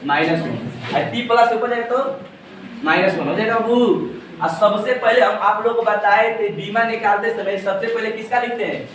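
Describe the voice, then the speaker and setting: A man's voice: sits high, normal speed, fairly bright tone, slight background noise. A male physics teacher lecturing a class, asking questions and repeating the answers to drill them in. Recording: echoey room, voice from far off.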